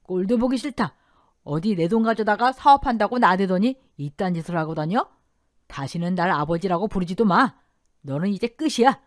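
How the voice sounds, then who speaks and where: A woman voicing a furious elderly father who scolds and shouts at his son. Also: mid-range voice, expressive, normal speed, no echo, clean studio sound, natural voice. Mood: enraged.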